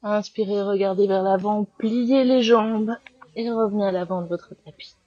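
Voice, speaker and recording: A woman with a French accent guiding a yoga class, giving calm, slow cues with breath counts. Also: medium pitch, muffled recording. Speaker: yoga teacher. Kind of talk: guided yoga class instruction.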